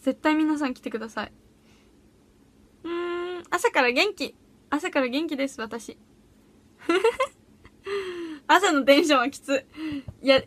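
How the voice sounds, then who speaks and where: A woman's voice: sits high, fairly bright tone, dry recording. A teenage girl chatting casually on a solo livestream from a small room at home, bubbly and giggly as she reacts to viewer comments. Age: teens. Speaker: audition livestreamer.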